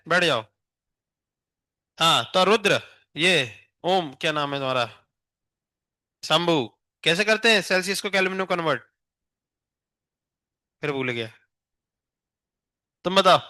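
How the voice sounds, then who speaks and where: During a classroom lecture, an Indian-accented physics teacher quizzes students rapid-fire, teasing those who rise to answer, his voice high and sharp. The recording is close and dry without echo.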